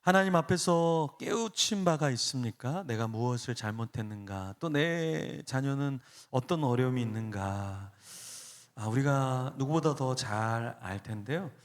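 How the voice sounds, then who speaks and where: A man preaching at a parents' seminar in a church, acting out parents and children in quick quoted lines and rising into fervent prayer. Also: mid-range voice, expressive. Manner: rises to loud fervent prayer. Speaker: pastor. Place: church hall.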